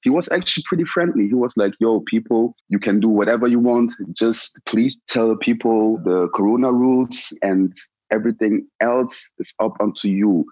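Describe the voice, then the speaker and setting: Low-voiced Ghanaian-born man, slangy and relaxed. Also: moderate pace, dry recording, dull audio. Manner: relaxed, slangy, many "like" and "yo" fillers. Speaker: protest organizer. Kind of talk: casual interview answers.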